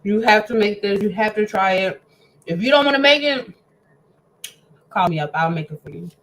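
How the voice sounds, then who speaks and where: A woman's voice: medium pitch, normal speed, rough recording. A woman hosting a casual home cooking show, chatting eagerly with her viewers as friends while she eats with her mouth full. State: eating, talking with mouth full.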